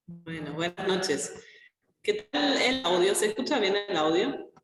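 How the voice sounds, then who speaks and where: A woman's voice: mid-range voice, lively intonation, unhurried. Woman lecturer in cathedral-like echo. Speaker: university lecturer teaching an online class. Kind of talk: casual spoken class talk. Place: classroom with heavy echo, on a live video class. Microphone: open device mic, no headset. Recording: echoey classroom, cathedral-like reverb.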